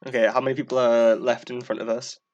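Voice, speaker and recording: A man with an average-pitched voice plays in a tabletop game. He describes his character's reactions casually and keeps breaking into laughter. Faint music plays in the background. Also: flat delivery, quick pace, muffled recording. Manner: giggly, laughs often. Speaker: player. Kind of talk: tabletop role-play chat.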